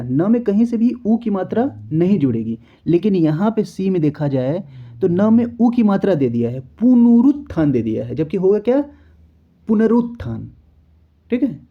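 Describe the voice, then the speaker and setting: A man teaching an exam-prep spelling lesson, explaining step by step and often checking in with the learner. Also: sits high. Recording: dull lo-fi recording.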